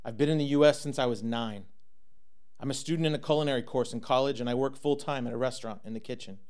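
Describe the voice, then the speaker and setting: Man playing a young cook, born in russia, quick, matter-of-fact. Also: medium pitch, darkish tone, clear, resonant tone, close to an everyday voice. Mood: calm. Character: young male culinary student and cook.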